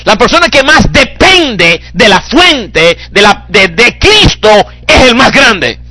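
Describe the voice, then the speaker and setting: High, lively preacher man. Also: slow pace, dry recording, low-quality recording. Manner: dramatic preaching, swings from low murmurs to shouted cries. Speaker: pastor. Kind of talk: sermon.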